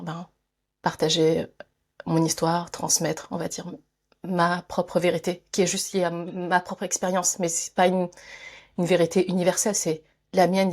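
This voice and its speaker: Laughing often, a French woman who is an author and speaker thinks aloud as a guest in a conversational interview, stumbling through fillers and restarts. Her voice is fairly low and darkish.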